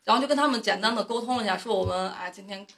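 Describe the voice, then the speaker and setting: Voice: mid-range voice, very fast, vocal fry, over a noisy crowd. A guest on a casual podcast, recounting a trip in a plain, matter-of-fact way. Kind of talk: casual storytelling chat.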